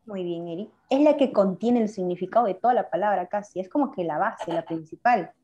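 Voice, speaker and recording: A woman teacher with a mellow, warm voice leads a language class. She quizzes her students and praises them when they answer. The recording is dull and lo-fi. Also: medium pitch, brisk. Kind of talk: online class lesson.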